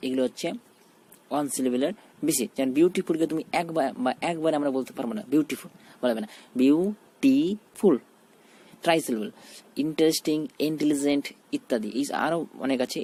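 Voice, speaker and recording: A man's voice: mid-range voice, warm tone. A male teacher giving a grammar lesson, explaining patiently and posing questions he then answers himself. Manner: explanatory, asks and answers his own questions.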